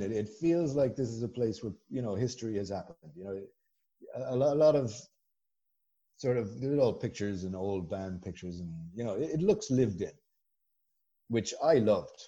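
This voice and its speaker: Irish guy from the west, really mellow warm voice, chatty casual stories, bit muffled recording. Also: medium pitch, expressive, moderate pace. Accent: west of Ireland. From Galway, west of Ireland. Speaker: podcast guest. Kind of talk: casual conversational storytelling.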